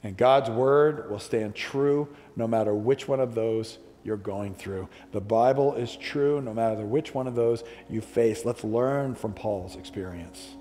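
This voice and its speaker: A man's voice: medium pitch, unhurried, hardly any pauses, dark tone. A male pastor delivering a sermon, building to emphatic repeated calls to the congregation. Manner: preaching with rising emphatic repetitions. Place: church sanctuary. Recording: long church hall reverb.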